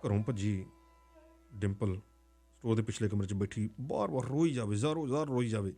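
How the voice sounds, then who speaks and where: A man narrating a dramatic story in a hushed, unhurried way. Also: on the low side, soft background music.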